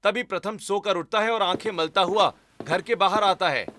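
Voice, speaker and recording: A man's voice: sits high, normal speed, sharp tone, slight background noise. A man reading the scripted narration of a cartoon storybook. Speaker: narrator and voice of the drunk brother.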